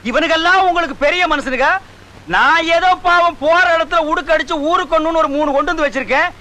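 A man's voice: extremely high pitch, quick pace, sharp tone. An actor playing an indignant sorcerer guru who rants and scolds his disciples in a film comedy. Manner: ranting, scolding, self-righteous.

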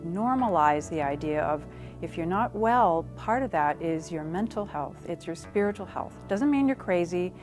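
A woman's voice: on the low side, animated, normal speed, a little mellow, faint music behind. A woman in her fifties, a clinic doctor, speaking earnestly in a documentary interview in her office. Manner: earnest, reflective.

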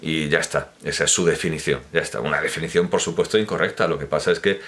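A man's voice: a bass voice, quick pace, a bit bright. A man giving a pedantic, corrective spoken monologue, explaining points at length with hesitations and restarts. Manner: lecturing, didactic explanation. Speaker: commentator on language teaching. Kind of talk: spoken monologue, opinion talk.

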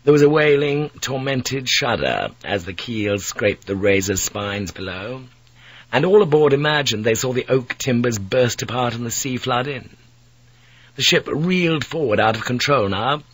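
A man's voice: mid-range voice, lively intonation, normal speed, breathy edge, no room sound. A man narrating an audiobook in a vivid, dramatic storytelling manner. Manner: vivid storytelling, shouts the characters' cries.

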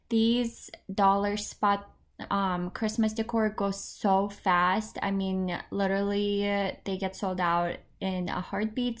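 A young woman vlogger narrating a casual shopping video, chatty and upbeat with frequent fillers. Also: medium pitch. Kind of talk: casual shopping vlog voice-over.

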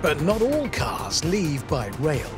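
A man narrating a documentary voice-over in a wry, lively way. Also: on the high side, slow, loud music behind the voice.

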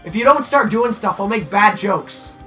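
Brief: young male gamer, high lively voice, game music behind. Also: moderate pace. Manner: excitable, ranting, joking. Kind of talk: casual gaming banter.

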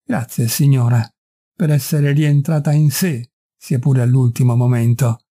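A calm, middle-aged detective speaks in short, firm and urgent sentences, as a male reader voices him. The voice is a touch low, very dark and mellow, and husky. It is an audiobook reading. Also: a little slow, lightly acted.

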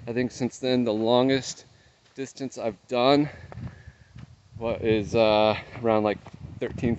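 A man in his thirties talking casually to his phone while out on a long run, giving a vlog update. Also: medium pitch. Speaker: trail running vlogger. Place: outdoors on a trail in open nature reserve. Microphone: phone held at arm's length. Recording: muffled lo-fi outdoor phone audio, noisy.

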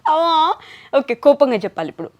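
A woman with a slightly raised pitch runs a casual, playful interview. She teases and jokes as she asks her questions, and laughs readily. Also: sing-song, moderate pace, highs cut off. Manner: teasing, chatty, laughs often.

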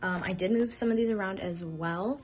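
Counting out bills for her budget envelopes, this twenty-something vlogger talks casually and gets a bit flustered at times. Her voice is mid-range and brisk, with music playing in the background.

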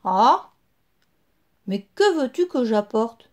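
A woman's voice: a little high, big pitch swings, takes it slowly, darkish tone. A woman voicing a puzzled, plaintive male goat in a children's storybook.

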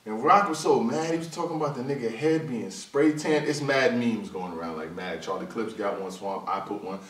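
A man talks through battle rap news in a loose, slangy vlog style, animated and quick to jump into high-pitched mimicry. His voice sits in an ordinary middle range. He is recorded from a distance in a roomy, echoing space. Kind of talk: casual commentary vlog.

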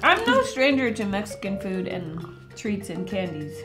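A woman with an American accent, co-hosting a casual snack taste test, giggly and excitable. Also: medium pitch, moderate pace, soft background music. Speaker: co-host.

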